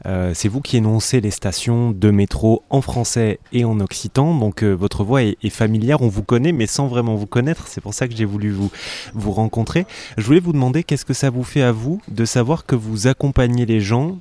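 A man's voice: mid-range voice, moderate pace, dark tone. A man hosting an informal conversational interview, rephrasing his questions as he goes. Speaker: interviewer, host. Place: hotel courtyard in city centre.

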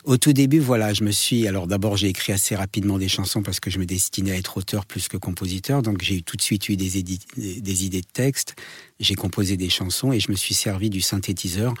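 Interview guest: man, middle-aged, French accent. Dry close sound, somewhat low voice, halting conversational explanations with repeated words. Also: steady tone, slightly rough, no room sound.

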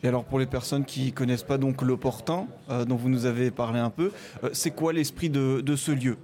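A man's voice: mid-range voice, steady tone, fairly quick, warm tone. A man interviewing a restaurant owner, asking questions with hesitant fillers.

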